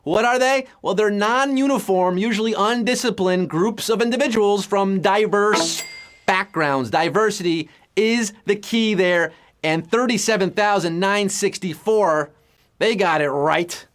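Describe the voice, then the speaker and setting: A man hosting a live trivia game show, reading questions with playful, jokey patter and sudden jumps in pitch. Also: measured pace, fairly bright tone.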